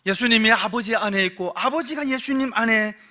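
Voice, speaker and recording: A man preaches a Sunday sermon from the pulpit of a church, speaking in a high, bright and forceful voice. He keeps putting rhetorical questions to his congregation. His delivery swings between loud, pressing emphasis and hushed, low stretches. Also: fairly quick. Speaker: pastor. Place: church sanctuary.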